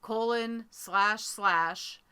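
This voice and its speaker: A woman's voice: medium pitch, very slow, bright, forceful tone, smooth. A woman guest on a podcast, chatting casually about her products, joking at her own expense. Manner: chatty, laughs easily, self-mocking.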